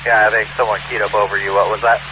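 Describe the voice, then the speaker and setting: A man's voice: lowish voice, little pitch movement, very fast. A man chatting casually as a repeater user over a walkie-talkie, heard through a two-way radio transmission. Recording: tinny, noisy repeater radio link.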